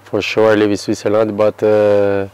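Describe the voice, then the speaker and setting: A Brazilian footballer in his thirties answers interview questions in halting, Brazilian Portuguese-accented English, restarting often. His fairly low voice is completely flat yet clear, resonant and a little mellow, and he sits on an outdoor terrace beside a yellow building.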